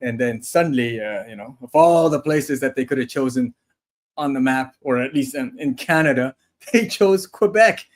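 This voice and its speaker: A man's voice: medium pitch, lively intonation, moderate pace. A man in his forties from Taiwan, co-hosting a casual livestream chat, talking in a chatty, self-deprecating way with frequent restarts. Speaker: podcast co-host.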